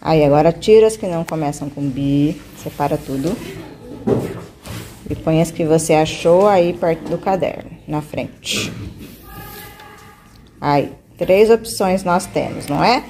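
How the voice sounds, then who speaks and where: A woman's voice: sits low, a little slow, pauses often, dark tone, slight background noise. A woman teacher guiding a child through a reading lesson, patiently coaxing and stretching out syllables. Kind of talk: one-on-one literacy lesson.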